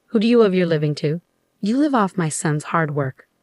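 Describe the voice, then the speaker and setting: A woman's voice: fairly low pitch, expressive, moderate pace, darkish tone, no echo, lightly acted. A woman voicing a domineering older mother-in-law who scolds and commands harshly. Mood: scolding.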